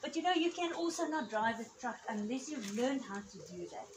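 A middle-aged woman with a Namibian Afrikaans accent, a native Afrikaans speaker, gives an informal welcome speech as an art teacher, projecting to people outdoors with emphatic pauses. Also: sits high, expressive. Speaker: art teacher and event host. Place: outdoors on a porch before a garden audience. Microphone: camera a few metres away. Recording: noisy outdoor phone video with birdsong.

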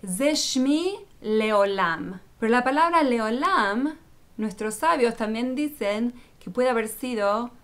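Slow-speaking woman teaching religion. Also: a little high. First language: Spanish speaker, not Hebrew. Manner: patient, addresses viewer directly. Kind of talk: explanatory teaching monologue.

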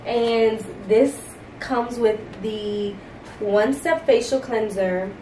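A woman's voice: fairly high pitch, steady tone, extremely slow, darkish tone, recorded from a distance. An upbeat young woman talks casually about her beauty buys, dropping filler words as she goes. She sits back from the mic in a room with a lot of echo, and a faint hum runs underneath. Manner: chatty, upbeat, lots of "like" fillers. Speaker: beauty vlogger. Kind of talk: casual chat.

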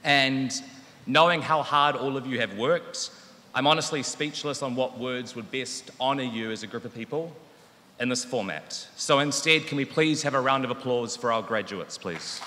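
A New Zealand teacher in his thirties delivers a wry, self-deprecating yet earnest graduation speech into a podium microphone on a stand. His mid-range voice is bright and forceful at a moderate pace, with long reverb from the large hall.

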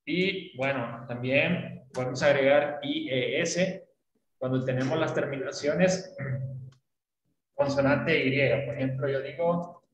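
A man's voice: mid-range voice, slow pace, echoey room, lo-fi sound. A man teaching an online English class, explaining patiently and often checking that students follow. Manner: patient, often checks understanding with tag questions.

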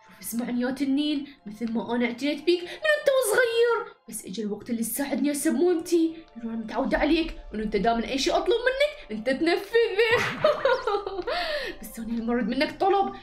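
Woman doing a gloating cackling villain girl, super high voice, fast, echoey room. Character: scheming, vengeful young woman villain who commands a dragon. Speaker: voice actor in a game-animation movie. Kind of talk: animated game-movie voice acting. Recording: echoey room with background music.

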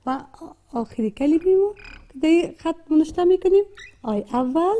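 A woman with an Afghan Dari accent teaches a literacy lesson in a classroom, patiently repeating and spelling out words and hesitating often. Her very high-pitched voice is expressive and warm, with a little hiss or hum in the recording.

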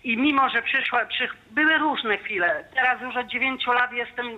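A woman's voice: on the high side, normal speed. A woman in her fifties calling in to a radio show to give a fervent, devout testimony. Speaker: caller. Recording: muffled phone line.

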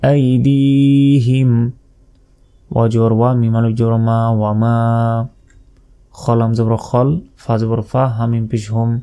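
A man with a Bangladeshi accent teaching recitation, spelling out each letter slowly and deliberately, then drawing out the recited phrases. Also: medium pitch, monotone, dark tone, smooth.

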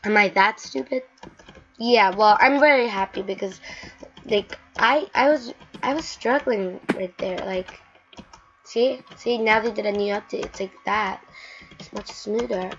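A woman giving live gameplay commentary, excitable and talking to herself, chanting the same words over and over. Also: mid-range voice, measured pace. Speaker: gaming channel host. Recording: dull lo-fi mic with faint hiss.

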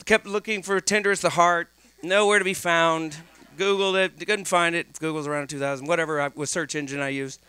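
A man's voice: on the high side, fairly even intonation, a little fast, few pauses, pushed and bright, clean tone. A middle-aged man from Texas telling a comedic story live on stage into a close microphone, animatedly acting out the dialogue. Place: small dark stage venue, indoors. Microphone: stand microphone, close.

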